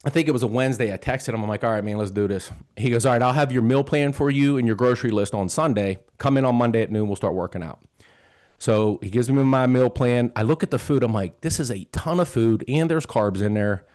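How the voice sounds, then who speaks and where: Speaking fairly quickly in a mid-range, darkish voice, a fifty-something show host relates a personal story, casual but sincere, and replays the conversations within it.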